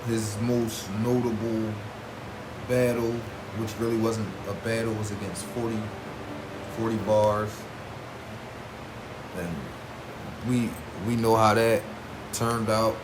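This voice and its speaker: With a fairly low voice that barely shifts in pitch, a man slowly delivers casual vlog commentary on battle rap artists, pausing often. His speech is informal and slangy with emphatic repetition, and the recording carries a roomy echo and clear background noise.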